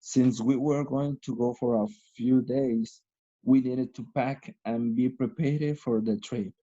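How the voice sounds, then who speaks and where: Male student, slow hesitant reader, mellow tone, lo-fi video call sound. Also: medium pitch, steady tone. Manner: hesitant reading aloud, asks about words.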